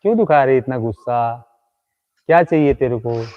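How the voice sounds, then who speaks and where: A man's voice: medium pitch, expressive, moderate pace, narrow, tinny audio. A man hosting a comedy live stream outdoors at night, teasing and chatting with a ghost he claims stands in front of him. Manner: teasing, talks directly to an unseen ghost.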